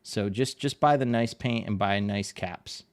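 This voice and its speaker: A man's voice: lowish voice, measured pace. A man streaming his art live, chatting casually and answering viewers' questions in a rambling, laid-back way. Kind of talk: casual live-stream chat while drawing.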